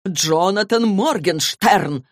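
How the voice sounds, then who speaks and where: A brutal older warrior father, as a woman reads him with low, menacing contempt. His words come out dry and close, and his fury barely stays in check. This is an audiobook figure. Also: measured pace, no echo. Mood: outraged. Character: furious cruel older male warrior father.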